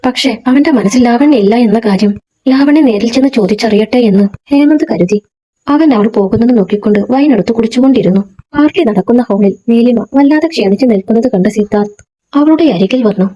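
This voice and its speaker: Mellow, breathy woman telling a story. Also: on the high side, brisk, poor audio. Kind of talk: scripted story narration.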